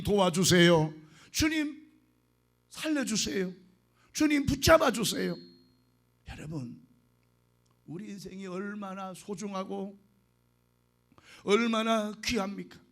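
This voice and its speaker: A male pastor preaching a sermon emphatically, leading the congregation in call-and-response prayers, with volume swinging from soft to loud. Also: sits high.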